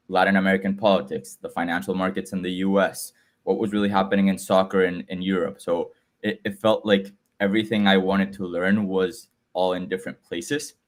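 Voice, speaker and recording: A young man from Guatemala, a guest explaining his app in casual chat, with frequent halting repeats. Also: deep voice. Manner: halting, repeats words as he talks. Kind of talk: casual video call chat. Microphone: video call.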